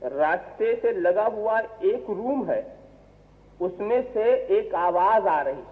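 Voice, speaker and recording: A man's voice: high-pitched, expressive. A man, a religious scholar, giving a sermon, asking the audience rhetorical questions and repeating phrases for emphasis. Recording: tinny, reverberant 1970s tape of a speech.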